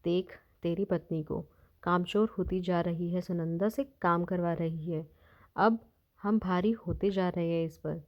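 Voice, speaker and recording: A woman's voice: lowish voice, fairly even intonation, unhurried, natural voice. A woman voicing a harsh, complaining older mother-in-law in a storybook tale, on a dull lo-fi recording. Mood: scolding.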